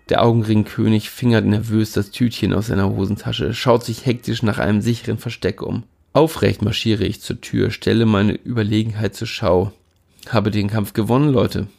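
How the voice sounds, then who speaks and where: A man's voice: on the low side, creaky, a little mellow. A man reading a first-person story aloud in a dry, wry manner. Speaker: audiobook reader. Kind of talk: first-person audiobook narration.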